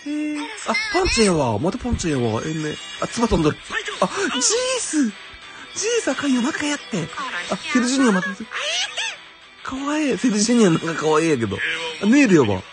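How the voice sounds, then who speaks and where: A man with a Kansai accent giving casual, excitable commentary as he pulls characters in a game, exclaiming and musing aloud. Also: high voice, fast talker. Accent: Kansai Japanese. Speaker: gaming YouTuber. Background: game music.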